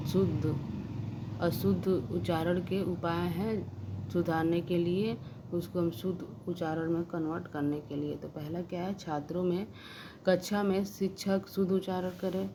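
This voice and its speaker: A woman talks through an exam-prep lesson in a low, fairly flat voice. She explains point by point, often pausing on fillers and restarting her sentences. Steady noise sits under the recording. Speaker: teacher. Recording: noisy background hiss.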